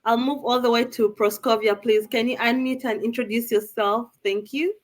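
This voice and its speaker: A Ugandan woman hosts a live online panel over a video call, speaking straight to viewers in an upbeat, chatty way. Her slightly high voice has fairly even intonation at normal speed, with a little hiss or hum in the audio.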